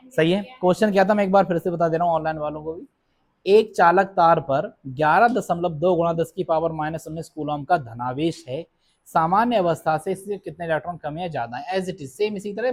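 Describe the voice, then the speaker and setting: A male physics teacher giving a classroom lecture, asking the class questions and answering them himself, reading numbers out slowly and often checking in with a quick okay. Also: on the high side. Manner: reads numbers out slowly and deliberately. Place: classroom with students present.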